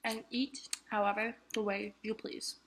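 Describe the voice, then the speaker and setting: A woman's voice: medium pitch, flat delivery, a little slow. A young woman talking casually to camera while eating, chatty and self-encouraging, sometimes speaking with her mouth full. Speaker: mukbang vlogger. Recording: noticeable background noise.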